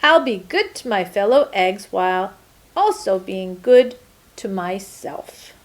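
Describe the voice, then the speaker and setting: A woman voicing an earnest, eager-to-please good egg in an expressive, emphatic children's storybook telling. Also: mid-range voice, slow pace. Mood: relieved, hopeful. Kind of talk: first-person children's storybook narration.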